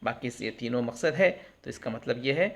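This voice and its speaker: A man's voice: mid-range voice, creaky. A male teacher explains test questions, asking and answering his own questions and glossing terms in English. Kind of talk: exam prep lesson.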